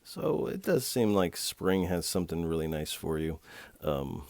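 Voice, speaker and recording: A man giving a tarot card reading, talking gently and reflectively straight to the viewer. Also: low voice, very animated, unhurried, vocal fry, dry recording. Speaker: tarot reader.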